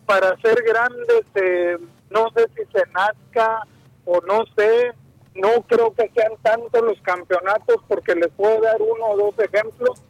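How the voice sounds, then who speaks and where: A man's voice: high-pitched, lively intonation, unhurried, dry recording. A man calling in by phone to a sports show, chatting casually and hesitantly with fillers and restarts. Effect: heard over a phone line. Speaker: caller to a sports radio show. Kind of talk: casual call-in opinion.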